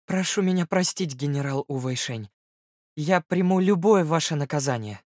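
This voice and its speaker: A meek young disciple, soft and apologetic, with a voice pitched up a little, as a male narrator puts him on. Dry, close recording. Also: animated, moderate pace, no echo, lightly acted.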